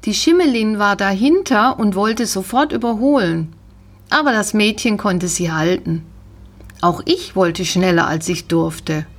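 Slow, calm woman narrating a story. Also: medium pitch. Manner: calm, gentle, measured. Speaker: audiobook narrator. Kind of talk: scripted storybook narration, first person as a horse.

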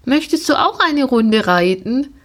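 An eager little girl who adores her pony, high and bright, as a woman puts her on. It is a storybook reading, her childlike voice lifted and lively. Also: a little slow.

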